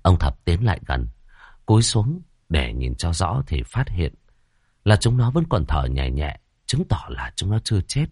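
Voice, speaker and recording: Brief: deep male storyteller, dramatic lilt, dry close sound. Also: big pitch swings, unhurried, darkish tone, husky, no room sound. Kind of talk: scripted ghost story narration.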